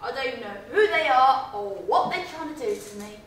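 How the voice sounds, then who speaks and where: In a sassy, theatrical comic stage monologue, a young woman plays a brash, vain, exasperated actress, sounding indignant and confiding like a swearing confidante. Her high-pitched voice is animated, brisk and fairly bright. The recording is very echoey and distant, in a noisy room.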